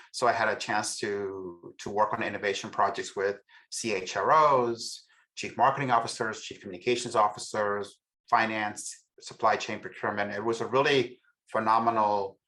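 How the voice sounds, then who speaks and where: A man's voice: lowish voice, bright, forceful tone. A middle-aged man from El Salvador, a researcher and author, speaking as a podcast guest in a reflective way with frequent restarts. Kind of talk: podcast interview.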